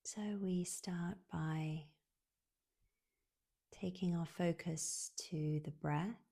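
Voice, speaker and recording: In a lowish, fairly level voice, a female yoga nidra guide talks listeners through relaxation. Her pace is slow and comforting, broken by long pauses, and her phrases fade out softly with a breathy edge.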